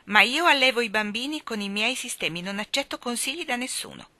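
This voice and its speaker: Icy polite nanny, read by a woman, calm and firm, bright tone. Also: on the high side, a little fast, no echo, voice pushed up. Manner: icily polite. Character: coolly composed, unflappable young nanny.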